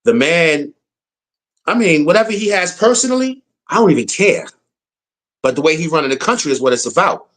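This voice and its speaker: A man's voice: fairly high pitch, lively intonation, fairly quick, fairly bright tone. An American man giving a blunt, slangy political rant, repeating his points for emphasis. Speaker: political commentator. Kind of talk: casual opinion rant.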